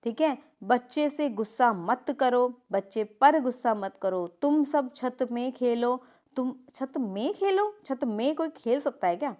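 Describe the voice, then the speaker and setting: A woman teaching a grammar lesson, reading example sentences and correcting them with quick asides. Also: fairly high pitch, lively intonation, darkish tone.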